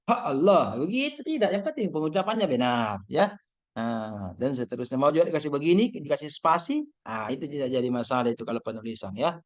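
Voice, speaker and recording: A middle-aged man, lecturing a university class. His voice sits a little high, and he goes over each point step by step, repeating phrases and asking his listeners if they follow. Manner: explains step by step, repeats phrases, asks "ya kan?".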